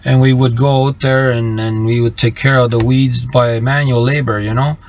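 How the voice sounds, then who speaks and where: Parked in his truck, a middle-aged trucker vlogger from Bolivia whose first language is Low German reads his live chat and talks casually at an ordinary middle pitch with little pitch movement. He speaks haltingly, full of fillers and restarts as he searches for words. The audio is slightly muffled over faint noise.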